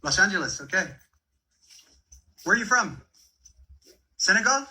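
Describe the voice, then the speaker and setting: A man questions people one after another, repeating where they come from and where they are going in brisk, short lines. His voice sits high and sounds bright and sharp. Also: sing-song. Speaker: interviewer questioning arriving migrants. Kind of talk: rapid street questioning.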